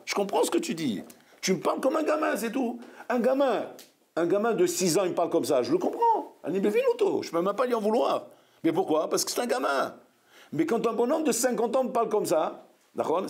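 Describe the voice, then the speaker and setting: A man, a rabbi, preaching a sermon in a lively, scolding way full of rhetorical questions. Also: high voice, slightly rough.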